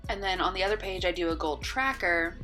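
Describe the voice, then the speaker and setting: Faint music runs beneath a relaxed walkthrough of planner pages by a bullet journal vlogger. She speaks in a fairly low, somewhat worn voice that seems close to giving out. Her delivery is chatty and loose, full of ums and uhs.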